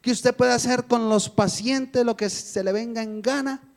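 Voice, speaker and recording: Pastor doing an irate son on the phone, high and yelling. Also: male voice, fairly even intonation, moderate pace. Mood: furious. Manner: shouting, accusing. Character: angry grown son shouting down the phone.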